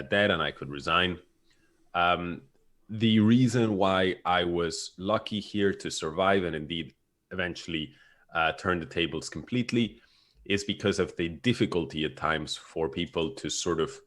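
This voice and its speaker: A man with a very low voice gives an online chess lesson. He walks through the moves step by step and slips in dry, sarcastic humor. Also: a bit bright. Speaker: chess coach.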